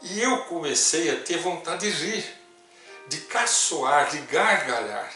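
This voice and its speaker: A man's voice: a little high, animated, slow. Older man telling a story, echoey hall. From Brazil. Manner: storytelling, quoting others with soft voices. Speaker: spiritist speaker. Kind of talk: personal testimony talk. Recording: distant mic with heavy room echo, faint music.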